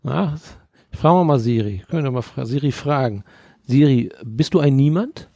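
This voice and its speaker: A man's voice: medium pitch, lively intonation, moderate pace, creaky, mellow. A man co-hosting a podcast in casual, playful, teasing chat. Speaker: podcast co-host.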